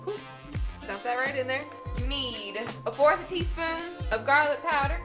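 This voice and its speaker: A woman's voice: sits high, unhurried, echoey room. Laid-back young woman cooking. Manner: laid-back, giving steady step-by-step instructions. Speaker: cook showing a recipe. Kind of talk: casual cooking tutorial. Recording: background music under the voice.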